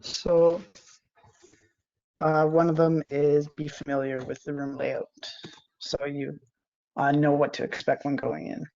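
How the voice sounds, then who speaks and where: A cadet flight sergeant giving a lesson over a video call, hesitant and monotone. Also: mid-range voice, a little slow, gravelly, pauses often. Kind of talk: online class lesson. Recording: muffled video call audio.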